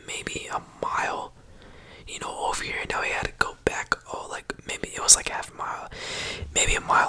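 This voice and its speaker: A whispering ASMR creator rambling casually and repetitively in slangy speech, close to the microphone. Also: bright, forceful tone. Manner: slangy, repetitive, rambling, often saying bro and you know.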